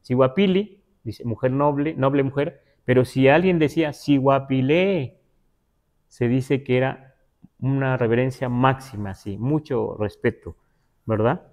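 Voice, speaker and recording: A man's voice: mid-range voice, steady tone, darkish tone. A man from the Huasteca teaching a livestreamed Nahuatl class, reading passages aloud and glossing them word by word. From Huasteca, Mexico. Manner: slow, explanatory, reads aloud and glosses word by word; checks in with listeners, asking "¿verdad?".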